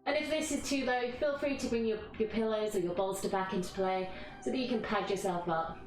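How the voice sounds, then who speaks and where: A yoga instructor and live streamer from London, speaking with a London English accent, leads a casual live yoga class while chatting and bantering informally with viewers. Her mid-range voice moves a little fast. The room is echoey, the mic distant, and music plays in the background.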